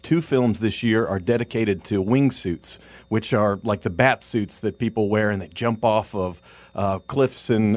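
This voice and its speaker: A man with an American accent, a guest in a casual promotional radio interview, speaking haltingly. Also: fairly low pitch, a little mellow, no room sound. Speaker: radio interview guest, outdoor shop representative.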